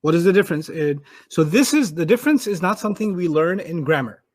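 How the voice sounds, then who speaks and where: A man patiently teaching Arabic grammar one-on-one, repeating key points and acting out quick example arguments. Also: high-pitched, lively intonation.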